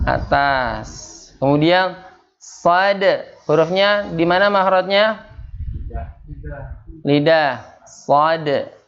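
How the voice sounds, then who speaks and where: A man's voice: a little high, lo-fi sound. A man teaching Quran recitation rules at a home study circle, patiently drilling Arabic letters and quizzing his students.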